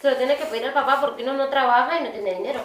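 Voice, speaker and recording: High-voiced woman answering a preacher. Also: racing, fairly bright tone. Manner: replies briefly to the pastor's questions. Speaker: congregation member.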